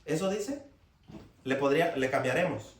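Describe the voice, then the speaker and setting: A man's voice: fairly high pitch, expressive, normal speed. A man preaching a sermon, firing rhetorical questions at the congregation. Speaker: pastor. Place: church hall. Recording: echoey room, mic far off, faint noise.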